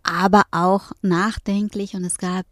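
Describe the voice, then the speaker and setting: A middle-aged woman from northern Germany, talking as an interview guest in a thoughtful way, pausing often with fillers. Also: mid-range voice, flat delivery, dry recording, studio quality. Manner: thoughtful, with many hesitations and fillers. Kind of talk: reflective conversation.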